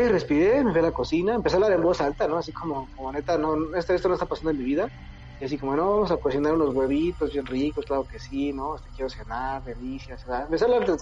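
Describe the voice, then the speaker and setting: A Mexican man rattles through a ghost story at high speed, his voice sitting a bit high for a man. He talks loose and slangy, swearing and quoting himself as he goes. The sound is muffled and lo-fi, with faint music underneath. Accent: Mexican Spanish. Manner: slangy, swearing, animated retelling with self-quotes. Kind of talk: casual ghost story telling.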